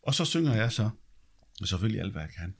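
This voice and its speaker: Very animated, this man recounts his life in a relaxed, conversational style, his deep bass voice creaky and husky. He adds quick check-ins to his sentences and curses occasionally.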